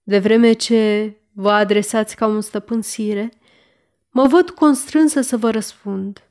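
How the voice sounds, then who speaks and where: A woman reading the lines of a dignified noblewoman who answers a king calmly, firmly and with formal politeness. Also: medium pitch, close to an everyday voice. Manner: calm, firm, formally polite.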